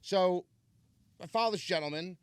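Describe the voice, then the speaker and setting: A man's voice: high voice, moderate pace, clear, resonant tone, no echo. Laid-back New man telling a story. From New York. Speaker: podcast guest. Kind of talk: casual storytelling anecdote.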